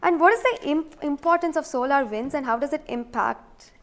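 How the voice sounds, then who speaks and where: A woman's voice: high voice, moderate pace. A woman host with an Indian English accent formally introducing guests and asking questions. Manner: formal, polite. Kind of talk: broadcast interview moderation.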